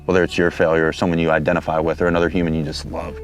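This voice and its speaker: A man in his thirties from Detroit, a Marine captain giving an earnest, halting personal testimony. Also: extremely low pitch, level tone. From Detroit, Michigan, USA. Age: 30s. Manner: earnest, halting, searching for words.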